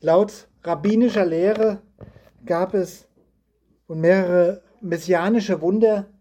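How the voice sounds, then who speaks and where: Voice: mid-range voice, steady tone, slow pace, mellow, dull audio. A preacher giving a sermon indoors in a house, reading scripture and asking the listeners reflective questions.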